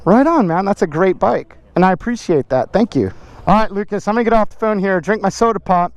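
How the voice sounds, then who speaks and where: A man's voice: high-pitched, lively intonation, fairly quick, no room sound. A man chatting casually as a motovlog host, with slangy, joking banter and the odd curse. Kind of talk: casual vlog chat. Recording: loud engine and road noise.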